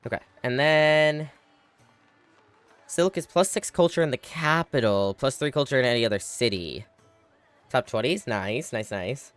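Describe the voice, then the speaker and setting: A man's voice: medium pitch, expressive, measured pace, a bit bright, clean tone, soft background music. Chatty male game streamer thinking aloud. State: yawning, tired. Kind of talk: casual live gameplay commentary.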